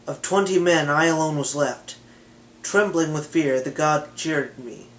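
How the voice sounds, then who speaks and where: Male reader, fairly high voice, steady measured read of a myth. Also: rough recording. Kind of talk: reading a myth aloud.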